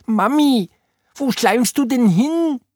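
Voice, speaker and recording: A man voicing a clingy, babyish green slime creature with a squeaky, quacking voice in an audiobook. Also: expressive, slow pace, a little mellow, no room sound, clean studio sound, heavily acted.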